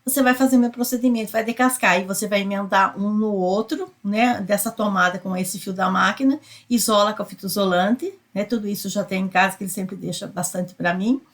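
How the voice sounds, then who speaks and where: A woman's voice: medium pitch, brisk, hardly any pauses. A middle-aged woman with a Brazilian Portuguese accent, a psychoanalyst giving a conversational motivational talk, repeating herself and ending lines with tag questions. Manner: repetitive, tag questions, many fillers. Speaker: psychoanalyst and spiritual speaker.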